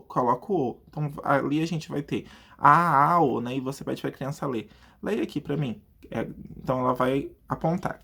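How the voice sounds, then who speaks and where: A man with a Brazilian Portuguese accent who teaches a video lesson in a chatty way. He asks himself questions and then answers them, and he slowly stretches out words syllable by syllable to show how they split. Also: on the high side, creaky, a bit bright, husky.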